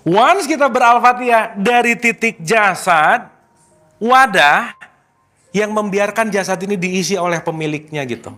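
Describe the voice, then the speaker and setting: A man's voice: sits high, bright, forceful tone. A man leading a casual religious study talk, playful and teasing, slipping in English words. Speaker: spiritual teacher.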